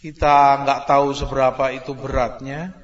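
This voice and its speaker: A man giving a religious study lecture, slow and earnest, driving his points home in short repeated phrases. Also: mid-range voice, flat delivery. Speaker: religious teacher. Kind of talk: recorded Islamic study lecture. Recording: dull lo-fi hall recording with long reverb.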